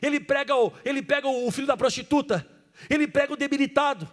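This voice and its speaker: A man from Brazil, a pastor preaching an animated sermon, acting out stories and quizzing the congregation. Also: extremely high pitch, quick pace. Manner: animated storytelling, acts out characters, asks the crowd questions. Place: church. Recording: reverberant church hall.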